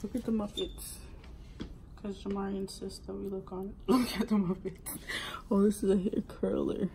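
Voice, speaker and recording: A young woman vlogs casually while touring indoor museum galleries, giggling and often dropping to a whisper, with her phone held at arm's length. Her voice is mid-range and mellow, with little pitch movement and a normal pace, over slight background noise.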